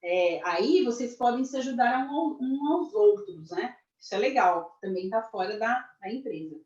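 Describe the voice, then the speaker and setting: Brazilian woman career coach, high-ish and very expressive, training a corporate audience, echoey and muffled recording. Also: moderate pace. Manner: lively, addresses the audience directly, acts out example phrases. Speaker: career mentor. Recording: echoey, dull lo-fi sound.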